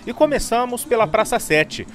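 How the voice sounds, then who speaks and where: A man narrating a news report in a measured, informative way. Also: extremely high pitch, sing-song, faint music behind.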